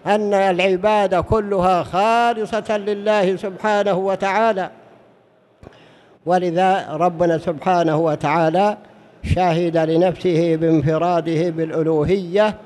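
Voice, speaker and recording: A man's voice: high voice, a little mellow. A man preaching a sermon, telling stories and urging his listeners directly. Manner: storytelling with acted quotes, exhorting listeners.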